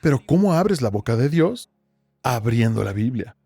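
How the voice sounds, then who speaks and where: A man's voice: mid-range voice, big pitch swings, normal speed, mellow, breathy edge, no echo. A man preaching a sermon as pastor, emphatic, with rhetorical questions and repetition.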